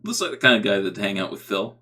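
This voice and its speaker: A man streaming a reaction to a video, rambling casually with many halting fillers. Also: fairly low pitch, big pitch swings, sharp tone.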